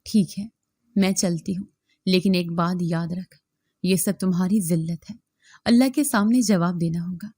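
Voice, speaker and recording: A woman's voice: lowish voice, steady tone, a little mellow, slightly rough, no room sound, studio quality. A woman voicing a brave, suffering mother who speaks firmly and defiantly. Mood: defiant, urgent. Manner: firm, defiant.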